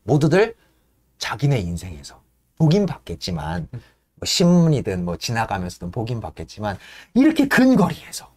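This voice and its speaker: A man retelling a play in animated storytelling style, laughing often. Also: medium pitch, normal speed. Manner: laughs often, lively, acts out characters. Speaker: podcast host retelling a play.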